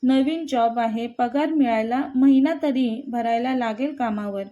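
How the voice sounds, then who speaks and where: A shy young woman, voiced by a woman reading the story, answers meekly and keeps apologizing. Her voice is high and soft with a mellow, dark tone. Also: unhurried, highs cut off, close to an everyday voice. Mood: apologetic. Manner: meek, apologetic.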